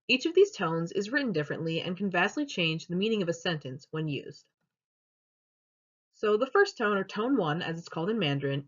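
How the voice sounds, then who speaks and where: A young woman delivers a class presentation, walking through her points in a steady, explanatory way. Her pitch moves around a lot, giving the talk a lively lilt. The recording sounds a bit dull and lo-fi. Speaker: student presenter.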